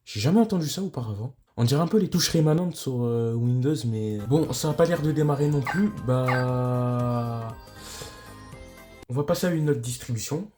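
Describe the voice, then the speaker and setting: A man's voice: mid-range voice, normal speed, music in the background. A man casually narrating a tech vlog, laid-back, with lots of hesitations and mild swearing, on a cheap microphone. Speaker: tech YouTuber.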